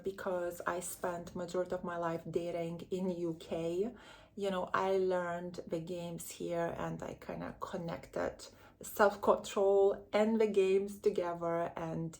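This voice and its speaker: A woman from Lithuania, a relationship coach giving earnest, chatty advice to camera and drawing on her own upbringing. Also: on the low side. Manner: earnest, chatty, candid with personal stories. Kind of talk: direct-to-camera advice vlog.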